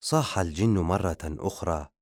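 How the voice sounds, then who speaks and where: A man narrating an audiobook in a steady, measured reading. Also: low-pitched, no echo, clean studio sound. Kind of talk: scripted narration.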